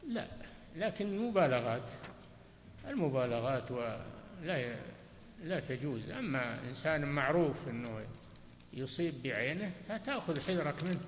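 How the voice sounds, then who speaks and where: A man's voice: mid-range voice, sing-song, moderate pace, slight background noise. A man answering religious questions in a lecture, giving brief and firm rulings. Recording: dull echoey hall recording.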